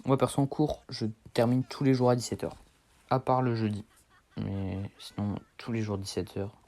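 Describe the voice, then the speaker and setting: A man's voice: medium pitch, flat delivery, moderate pace, warm tone. A teenage boy chatting casually over his gameplay, rambling in slang and correcting himself as he goes. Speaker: gaming streamer.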